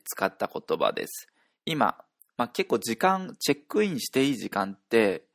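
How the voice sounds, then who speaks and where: A man with a fairly low, gravelly voice hosts his own solo podcast lesson. He talks in a relaxed, chatty way and repeats each phrase slowly so listeners can follow along, recorded close to the mic. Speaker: podcast host teaching travel Thai. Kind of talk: casual solo language lesson.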